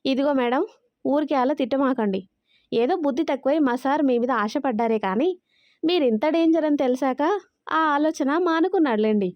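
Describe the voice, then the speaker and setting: Brief: female reader as joking young male assistant, light and high, dry dull recording. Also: moderate pace, dry recording, lightly acted. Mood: cheeky. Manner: pleading, cheeky banter.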